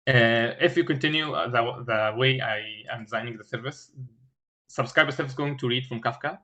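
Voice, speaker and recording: A man explaining a technical design as an interview candidate, haltingly, searching for words with many filled pauses and repeated starts. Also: medium pitch, sharp tone. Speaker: engineering candidate in a mock system design interview. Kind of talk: thinking aloud through a technical design explanation.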